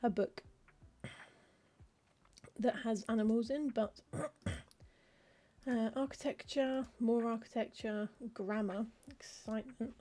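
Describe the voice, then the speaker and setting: Slowly, with frequent pauses, a woman with a fairly high but dark voice and steady tone provides casual commentary on a cozy game. She mutters through the book titles onscreen, reading the game text aloud and tossing in dry remarks.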